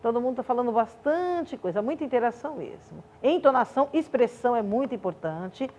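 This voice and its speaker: A woman arts teacher giving a remote class, talking in a lively, demonstrative way. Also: fairly high pitch, brisk.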